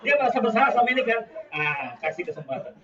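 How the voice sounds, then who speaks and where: A man's voice: sits high, very animated, quick pace, a crowd in the background. A man giving a live religious lecture, joking and speaking directly to the audience. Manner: humorous, addresses audience directly. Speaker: Islamic preacher. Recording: echoey, distant, dull live-stream audio.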